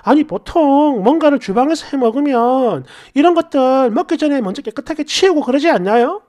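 A woman's voice: high-pitched, animated, fairly quick, dark tone. A young woman narrating her own marriage story in a chatty, indignant, confessional way. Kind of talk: first-person story narration.

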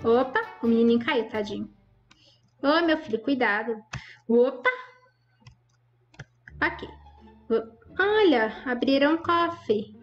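A woman's voice: fairly high pitch, animated, slow, long pauses, muffled recording, faint music behind. A woman giving chatty, exclaiming commentary over her Roblox gameplay and talking straight to her viewers. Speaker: gaming YouTuber.

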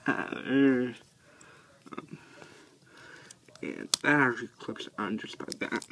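A man giving a casual toy review, talking haltingly with many ums and restarts while he handles pieces. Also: mid-range voice, fairly bright tone, a little hiss or hum.

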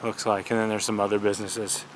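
Touring a riverside walk outdoors, a man narrates his travel vlog with relaxed enthusiasm. His voice is on the low side and level, delivered at a quick pace, with slight background noise.

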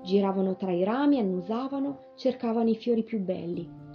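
A woman's voice: medium pitch, brisk. Woman reading a children's story. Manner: gentle, expressive narration. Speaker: reader. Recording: dull lo-fi radio broadcast with faint music.

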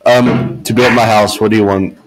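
A man's voice: on the low side, fairly even intonation, normal speed, background noise. A man chatting playfully while playing a game with friends, rambling and repeating himself. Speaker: player. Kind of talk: casual gaming chat.

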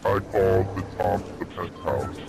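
A man using a voice changer that makes him sound like a deep-voiced masked dark lord while playing as a gaming teammate. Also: measured pace, vocal fry, over loud music, heavily acted. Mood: deadpan. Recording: noisy game chat audio.

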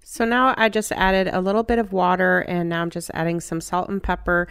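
A middle-aged woman narrating her home cooking step by step in a relaxed, chatty way. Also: fairly low pitch, fairly quick, smooth. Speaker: cooking channel host.

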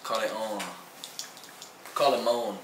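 A young man, a rapper, chatting casually in a recording studio with relaxed slang and easy laughter. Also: lowish voice, takes it slowly, slight background noise. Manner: laid-back slangy banter, laughs easily. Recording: roomy, distant, music playing.

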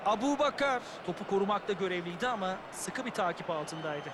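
A man's voice: high-pitched, expressive, fairly quick. A man giving analytical football commentary as a co-commentator. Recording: loud stadium-like background noise.

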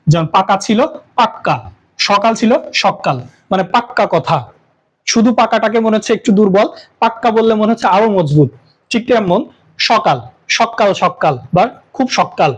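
High-voiced man teaching a grammar lesson. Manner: slow deliberate repetition of example words. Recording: dull lo-fi audio.

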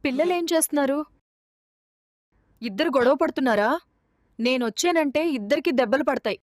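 A woman's voice: sits high, fairly quick, dry recording, studio quality, lightly acted. A woman voicing a caring cartoon mother who scolds and comforts her children. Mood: stern. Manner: scolding then soothing, motherly. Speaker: mother of the household. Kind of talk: cartoon voice acting.

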